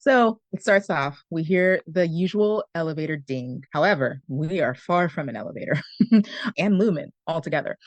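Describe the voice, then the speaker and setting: A woman's voice: sits low, dry recording. A woman co-hosting a podcast who retells a TV episode's plot in a storytelling tone and laughs often. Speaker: podcast co-host. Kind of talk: casual chat and episode recap.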